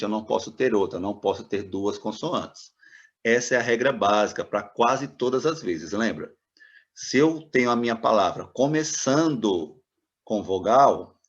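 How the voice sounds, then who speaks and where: A man teaching English grammar, patiently repeating example words and asking the viewer rhetorical questions. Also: fairly low pitch. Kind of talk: classroom explanation of grammar. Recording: dull, slightly lo-fi sound.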